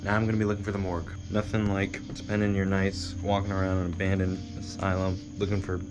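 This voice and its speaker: A man in his twenties giving casual, low-key, musing vlog narration to camera while exploring. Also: monotone, fast. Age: 20s. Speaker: urban exploration vlogger. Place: abandoned derelict building and its grounds. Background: music.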